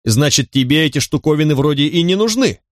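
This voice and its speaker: A man's voice: a little high, animated, brisk, dry recording, studio quality, lightly acted. A man voicing a brutal, contemptuous male centurion drill instructor who barks at recruits in an audiobook. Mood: mocking. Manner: barking, contemptuous.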